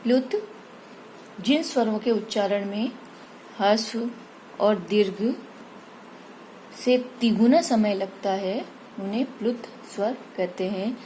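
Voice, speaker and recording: A woman teaching Hindi grammar, patiently explaining vowels and spelling out each example slowly. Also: mid-range voice, warm tone, a little hiss or hum, low-quality recording. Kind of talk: slow explanatory lesson.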